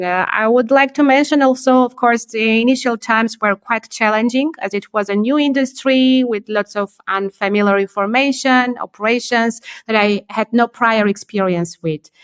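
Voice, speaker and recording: Woman, measured and thoughtful. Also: medium pitch, fairly bright tone, clean tone, no echo. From Armenia. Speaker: podcast guest, company CEO. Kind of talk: remote podcast interview.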